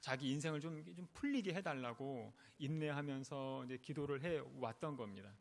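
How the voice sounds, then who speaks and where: A man's voice: medium pitch, moderate pace, gravelly. A man, a pastor, preaching a sermon with earnest storytelling and rising, emphatic stresses. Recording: long reverb of a large hall.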